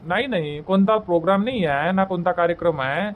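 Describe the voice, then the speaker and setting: Playing an eager village man from a cartoon comedy, a man speaks colloquial Varhadi Marathi in a voice pitched very high for a male. Fairly quick and natural, he coaxes, teases and presses his point.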